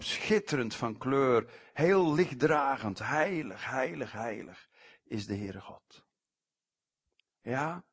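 A man preaching a sermon, swinging sharply in pitch and loudness and stretching out key words. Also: husky.

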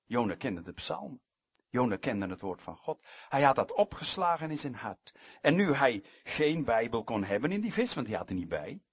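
A husky-voiced male preacher delivering a sermon, leaning hard on some words and dropping to near-whispers on others. The recording is dull and lo-fi with a dry, close sound. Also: mid-range voice, big pitch swings, moderate pace, no room sound. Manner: emphatic, swinging between loud stresses and quiet asides.

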